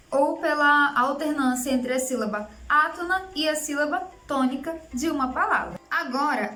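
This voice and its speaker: A young woman teacher giving an online writing lesson, explaining patiently step by step and often checking in with her students. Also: sits high. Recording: echoey room with faint music.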